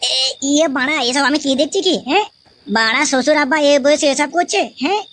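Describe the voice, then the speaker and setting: A woman's voice: high voice, animated, fast talker, a bit bright. A woman voicing a hot-tempered young son-in-law in a comic cartoon, crude and swearing. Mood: indignant.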